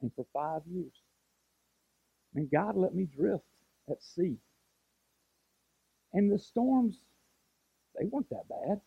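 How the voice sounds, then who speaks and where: High-voiced preacher man. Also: vocal fry, slightly rough, dry recording, phone-quality sound. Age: 40s. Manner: storytelling, repeats words, builds to impassioned. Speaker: pastor. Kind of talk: sermon.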